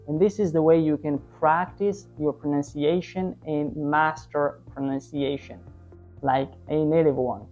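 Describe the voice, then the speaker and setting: Explaining tips in an online English lesson, a woman keeps checking in by ending sentences with "right?", repeating her explanations in a coaching way. Her voice is low and darkish, and the audio is dull.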